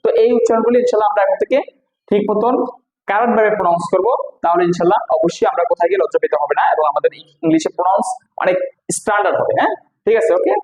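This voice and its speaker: A man's voice: high-pitched, lively intonation, rapid-fire, darkish tone, roomy sound, poor audio. A man giving a pronunciation lesson, repeating each word over and over and asking and answering his own questions. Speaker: English teacher.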